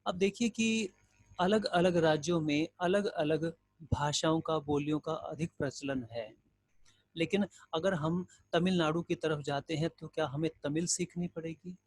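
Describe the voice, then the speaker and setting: Male Hindi teacher, raised pitch, explains with examples and questions, dry booth. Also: a little slow, no echo. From India. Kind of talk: recorded grammar lesson.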